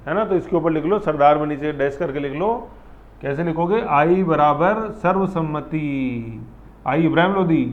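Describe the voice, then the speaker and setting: A man teaching a history class, asking the students lots of quick questions and acting out small scenes to make his points. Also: on the high side, phone-quality sound. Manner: lively, rhetorical questions, acts out scenes. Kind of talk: classroom lecture.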